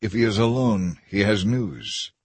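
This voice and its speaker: A man's voice: lowish voice, animated, unhurried, husky, no room sound. A man voicing a grieving old king who cries out for his dead son. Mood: calm. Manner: anguished, sobbing cries.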